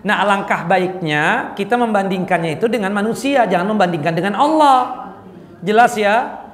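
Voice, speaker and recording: A man's voice: sits high, expressive, moderate pace, reverberant. A man preaching casually in a mosque, answering questions and often checking whether the audience understood. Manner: conversational, asks the audience "jelas?" often.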